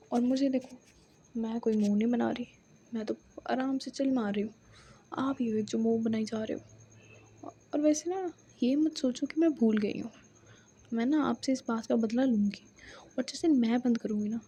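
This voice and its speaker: A woman's voice: on the high side, mellow, breathy edge. A woman voicing a cheeky, playful young woman who lectures in a mock-stern way.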